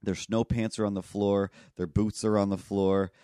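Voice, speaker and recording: A man, co-hosting a podcast, telling a long rambling story in casual chat and acting out people yelling in loud bursts. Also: lowish voice, level tone, moderate pace, no room sound, studio quality. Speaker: podcast co-host.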